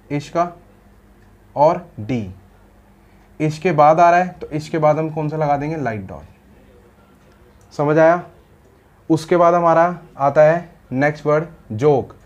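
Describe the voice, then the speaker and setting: A man with a slightly high, somewhat mellow voice teaches a shorthand lesson mixed with English terms, speaking slowly and pausing often on a lo-fi recording. He patiently explains step by step and frequently asks "samajh aaya?" to check the students follow.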